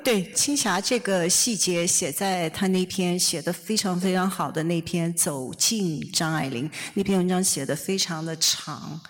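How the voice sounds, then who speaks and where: A woman's voice: on the low side, unhurried, hardly any pauses. A woman professor on stage at a public talk, speaking with eager enthusiasm and acting out quoted lines. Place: university lecture hall on stage. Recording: long reverb of a large hall.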